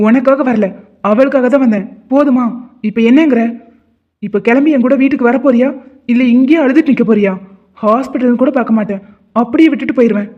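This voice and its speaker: A man voicing an irritated young husband in an animated drama, curt and dismissive. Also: very high voice. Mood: angry. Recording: tinny phone-like sound.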